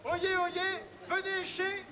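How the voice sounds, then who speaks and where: A man performing as a town crier, proclaiming residents' messages in a loud, drawn-out, declamatory call. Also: extremely high pitch, completely flat delivery, heavy background noise, voice pushed up. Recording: outdoor street with loud crowd. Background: busy crowd in an urban street.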